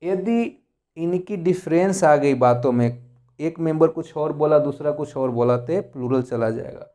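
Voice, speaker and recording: Mellow-voiced grammar teacher. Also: male voice, a little high, a little slow. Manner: explains by listing examples and checking in with "ठीक है". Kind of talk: lecture explaining grammar rules.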